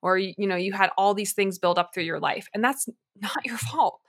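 A woman's voice: medium pitch, normal speed, fairly bright tone. A woman hosting a podcast, talking earnestly and speaking straight to her listeners in casual chat. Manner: earnest, addresses listeners directly. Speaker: podcast host.

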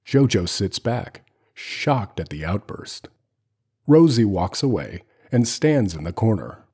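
A man hosting a screenplay read-through, reading stage directions in a measured, expressive way. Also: lowish voice, breathy edge.

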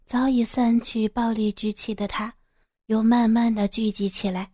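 Brief: woman storyteller reading a serialized story, calm and steady, mellow and dry. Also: a little high, moderate pace, no echo. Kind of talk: scripted audio story narration.

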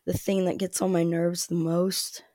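A woman's voice: lowish voice, little pitch movement, measured pace, mellow, no room sound, clean studio sound. A woman from the Midwest, chatting casually as a podcast guest and laughing as she tells stories. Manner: chatty, laughs often while telling stories. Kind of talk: casual chat.

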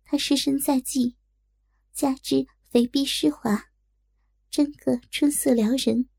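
A woman narrating a story in a slow, deliberate storytelling manner. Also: high voice, fairly even intonation, creaky, a little mellow, no room sound, studio quality.

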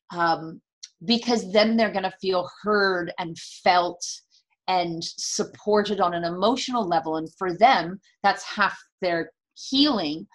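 A woman's voice: on the low side, fairly bright tone. A woman explaining her practice in a conversational interview, earnest and fond of repeating words for emphasis. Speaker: interview guest, natural medicine practitioner and medical astrologer.

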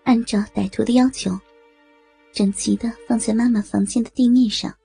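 A woman telling an audio story in steady, even narration. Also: on the high side, moderate pace, vocal fry, breathy edge, soft background music.

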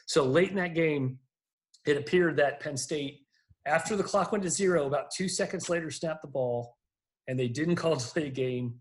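Animated, laughing sports co-host, man. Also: mid-range voice. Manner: animated, laughing, repeats words. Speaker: podcast co-host. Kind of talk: casual sports talk.

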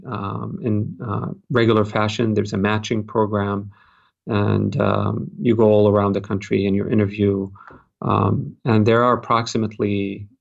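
Low gravelly man from Jordan. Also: highs cut off. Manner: measured, many fillers and restarts. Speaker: cardiologist, fellowship program director. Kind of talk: interview answers, advice.

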